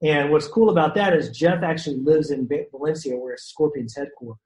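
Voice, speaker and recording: A man's voice: a little high, fairly quick, crowd noise. A man from the Shreveport area of Louisiana, a podcast guest telling casual stories with lots of fillers and restarts. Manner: animated storyteller, many fillers and restarts. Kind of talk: casual storytelling chat. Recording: roomy echo.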